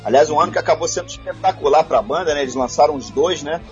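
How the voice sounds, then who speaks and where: A male co-host with a slightly raised voice, presenting a track and its background in a steady, informative way. The recording is muffled, with faint music playing below. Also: a little high, fast. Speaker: radio co-host. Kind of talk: radio show presenting.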